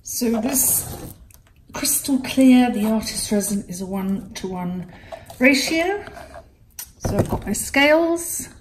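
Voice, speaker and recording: A woman's voice: mid-range voice, sing-song, a little hiss or hum, rough recording. A woman casually narrating a painting project step by step, thinking aloud as she works. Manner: chatty, thinking aloud while working, slow-paced. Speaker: art vlogger.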